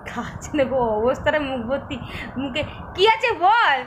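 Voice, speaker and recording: A woman's voice: sits high, very animated, moderate pace, noisy background. A woman filming her small daughter at home, coaxing and teasing her with frequent exclamations. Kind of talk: casual home video chat with a toddler.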